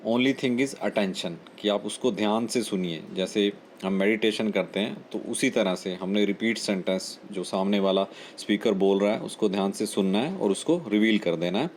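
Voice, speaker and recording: A man's voice: lowish voice, normal speed. A man giving a spoken exam-prep lesson as a trainer, explaining steadily and mixing in English phrases. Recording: echoey room with faint ambient noise.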